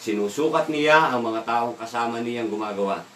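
A man gives a casual evening devotional and keeps asking his listeners questions. His voice is middle-pitched and comes from a distance in an echoey room. A faint room hum sits behind him. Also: moderate pace, a bit bright. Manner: asks the listeners questions, mixes in English words, laughs now and then. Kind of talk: conversational Bible devotional talk.

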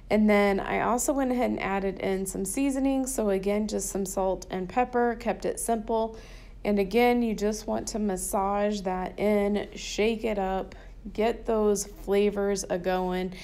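A woman's voice: medium pitch, dark tone. A woman, chatting cheerfully in a casual voice-over about her home cooking. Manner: chatty and upbeat, repeats herself. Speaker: cooking channel host.

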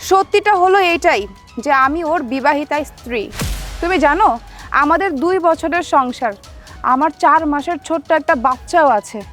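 Brief: high-voiced woman, reproachful wife role, faint music underneath. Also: fairly bright tone. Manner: reproachful, lecturing. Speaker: actor playing a betrayed wife. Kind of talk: short film drama acting.

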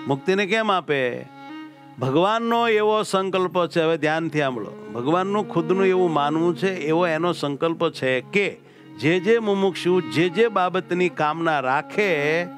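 Male Gujarati swami, sermon, slightly high voice, soft music underneath. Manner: repetitive, emphatic preaching. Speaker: swami giving scripture discourse. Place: temple assembly hall.

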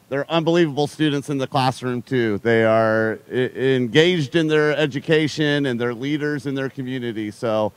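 A soccer coach gives an earnest thank-you speech at an outdoor stadium. His voice is smooth and resonant, set at a middle pitch. He talks through a stadium microphone. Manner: earnest and grateful.

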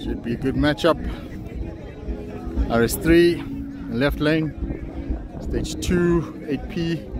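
South african guy, middle-aged, hyped race calls, kinda high-pitched, outdoor strip, camera at arm's length. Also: slow, long pauses, crowd noise, background noise. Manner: upbeat, excited play-by-play. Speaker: vlogger and race commentator. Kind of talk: casual vlog commentary. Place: outdoor drag strip beside a crowd.

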